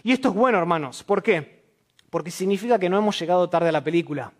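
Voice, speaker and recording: A man's voice: high-pitched, lively intonation, fast. Man preaching an expository sermon. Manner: teaching, asks the congregation questions and answers them. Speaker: church elder preaching. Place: church service.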